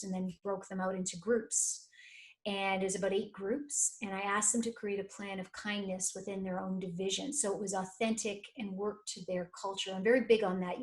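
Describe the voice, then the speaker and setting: A woman, a life and career coach telling stories in an interview, animated and acting out the voices of people she quotes. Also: medium pitch. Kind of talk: conversational interview storytelling.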